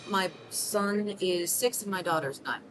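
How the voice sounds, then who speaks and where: With a voice on the low side, close to how she'd normally talk, a woman in her 30s from Mexico City plays a self-conscious, soft-spoken 38-year-old single mother in a short film. Answering unheard questions in a scripted monologue, she hesitates with frequent ums and restarts. There's noticeable background hiss.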